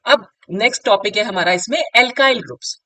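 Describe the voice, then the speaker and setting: A woman's voice: medium pitch, moderate pace, bright, forceful tone, distant mic, rough recording. A woman chemistry teacher giving a lecture, explaining step by step, mixing textbook English lines into her talk, and often checking in with her students. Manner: calls students "beta" and checks in with "ठीक है". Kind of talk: classroom lecture.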